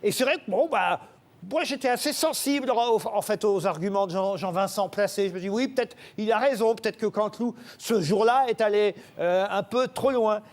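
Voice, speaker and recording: A man's voice: high-pitched, moderate pace. A male talk-show panelist questioning a guest, building his point step by step.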